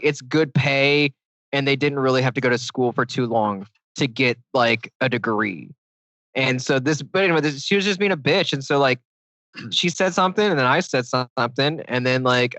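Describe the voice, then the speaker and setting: A young man on a podcast rambles through a story, his words tumbling out with "like" again and again. He is recorded close and dry, with an ordinary middle-pitched voice. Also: a bit bright, dry recording, rough recording. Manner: rambling storytelling full of "like", slipping into mock English accents. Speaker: podcast co-host. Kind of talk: casual podcast banter.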